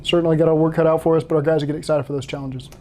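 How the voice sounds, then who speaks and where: A man speaks quickly in a dark, level voice, talking through game film like a head coach. He is matter-of-fact and steady, and he keeps a flat, even pitch from start to finish. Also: a little hiss or hum. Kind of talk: interview answers and film breakdown.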